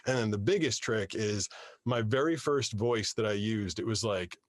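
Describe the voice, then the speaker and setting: A man who does voiceover work, telling his story in an interview from his soundproof booth into a studio mic. He talks in a lively, storytelling way and often restarts his sentences. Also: on the low side, moderate pace, dry recording. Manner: animated storyteller, repeats words when starting sentences. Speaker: voiceover artist, guest. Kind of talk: conversational interview. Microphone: studio microphone.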